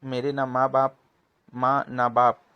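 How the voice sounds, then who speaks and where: A man voicing a greedy young swindler who whines and yells for help in a comic storybook. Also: medium pitch, completely flat delivery, slow, clear, resonant tone, dry recording, dull audio, close to an everyday voice. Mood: pleading. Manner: whining, yelling for help. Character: greedy young male swindler, whiny coward.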